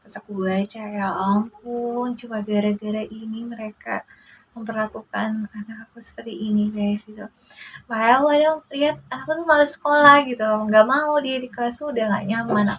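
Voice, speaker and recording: A woman in her forties, a mother speaking in a casual to-camera monologue, emotional and halting, often addressing her listeners directly, indignant and protective. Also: a little high, a bit bright, highs cut off, slight background noise. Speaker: mother sharing a personal story.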